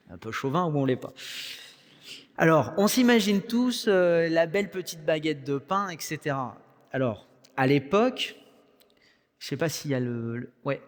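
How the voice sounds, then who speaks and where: A man's voice: on the high side, expressive, unhurried, long pauses. A young man with a French accent preaching a sermon in a conversational way, with joking asides. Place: church hall. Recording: long church reverb.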